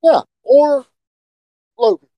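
A man co-hosting a casual podcast, talking excitedly and speculating, often stumbling and repeating words. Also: very high voice, takes it slowly, no room sound, highs cut off. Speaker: podcast co-host.

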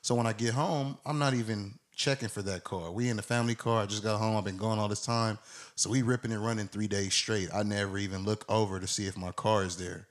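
A man in his twenties, a podcast co-host, telling a long story in a casual, animated way and acting out the people in it. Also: lowish voice, fast talker.

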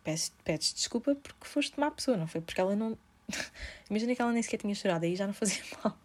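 A woman's voice: mid-range voice, expressive, fast. A woman in her twenties with a European Portuguese accent, hosting a podcast as a casual monologue full of slang and English words. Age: 20s. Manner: chatty and informal, heavy slang, English words mixed in. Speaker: podcast host.

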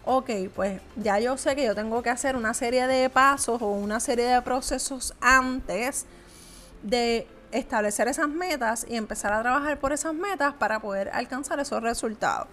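A woman who runs a small business gives earnest, conversational motivational advice directly to the viewer in a vlog, with many hesitant fillers. Her voice is slightly high and a bit bright, at a moderate pace, with a faint hiss or hum in the audio.

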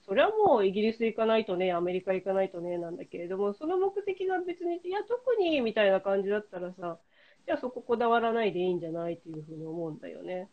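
A woman hosts a podcast in a casual chat, speaking at a medium pitch, animated and fast. She talks loosely with lots of fillers and steers the questions. The remote link sounds slightly dull and lo-fi.

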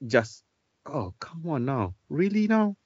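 A man co-hosts a casual podcast in halting bursts, repeating words and laughing often. His mid-pitched voice swings widely. The sound is dry and dull, like a lo-fi home recording. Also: sing-song, darkish tone, slightly rough, dry recording. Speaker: podcast co-host. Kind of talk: casual chat.

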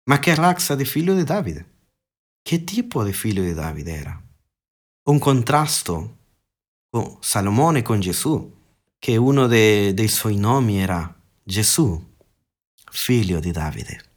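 A man's voice: lowish voice, big pitch swings, a little slow, long pauses. A man giving a podcast sermon, earnest, asking rhetorical questions and often restarting words mid-phrase. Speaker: preacher.

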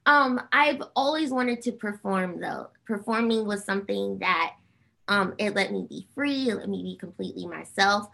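A woman's voice: medium pitch, normal speed, gravelly, bright, forceful tone. A woman from the eastern US giving casual, effusive answers as an interview guest. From Harlem and New Jersey, US. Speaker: interview guest, singer and actor.

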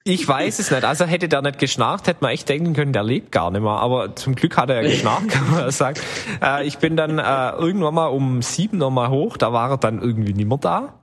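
A man's voice: medium pitch, lively intonation, a little fast. A man telling a long travel story in casual chat, rambling with many fillers. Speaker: podcast co-host telling travel stories.

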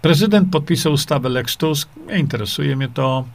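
Gravelly man rambling on a livestream. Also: on the high side, lively intonation, moderate pace. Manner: rambling, dismissive, with frequent fillers and repeated rhetorical questions. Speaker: livestream host. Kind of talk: casual livestream talk, reading viewer comments.

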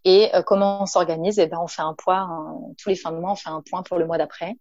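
A naturopath and entrepreneur from Nice appears as an interview guest, talking casually with plenty of fillers and friendly asides aimed at the listener. Her low-ish voice is steady, brisk and a little mellow. The recording is dry, somewhat muffled and free of room sound.

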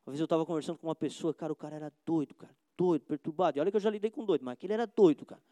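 Impassioned high-voiced Brazilian pastor. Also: male voice, very fast, mellow, no echo. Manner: impassioned, slangy, repeats "cara" often. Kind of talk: sermon.

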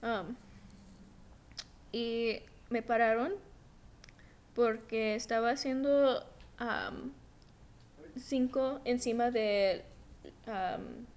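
A woman co-hosting a casual podcast, talking hesitantly with many ums and pauses. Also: on the high side, steady tone, darkish tone. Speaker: podcast co-host. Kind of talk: casual chat.

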